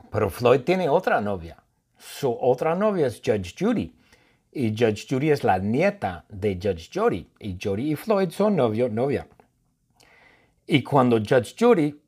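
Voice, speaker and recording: A husky-voiced man narrates a silly story at an unhurried pace. His pitch leaps around as he plays it up, acting out shouts and sound effects for his listeners. The telling is playful and deliberate, shaped for language learners. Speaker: Spanish teacher telling a story.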